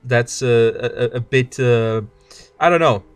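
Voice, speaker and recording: Speaking in a smooth, medium-pitched voice at a slightly slow pace, a man jokes his way through a card game stream. His commentary rambles, and he often stammers and starts his sentences over.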